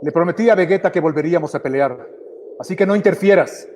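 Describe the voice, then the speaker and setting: A man's voice: a little high, fast talker, a little mellow, a little hiss or hum, pitched above the performer's own voice, lightly acted. A man voicing a bold, defiant alien warrior hero from a cartoon, challenging his enemy, in a heavily echoing, distant recording. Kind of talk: cartoon hero dub parody. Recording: heavy echo, distant sound.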